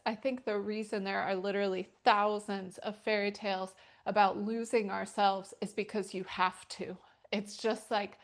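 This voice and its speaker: A middle-aged woman teaching a yoga class and telling stories, talking casually and rambling with many fillers. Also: mid-range voice. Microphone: wearing a microphone.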